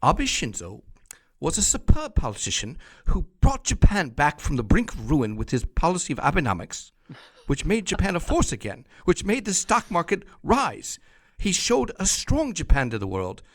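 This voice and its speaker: A pompous English gentleman, put on by a man in a fake accent, delivers a grandiose, declamatory tribute. The voice climbs well above his usual register, and the words come out loud and swelling with mock grandeur. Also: on the high side, wildly swooping pitch, normal speed, no echo, pitched above the performer's own voice, exaggerated voice.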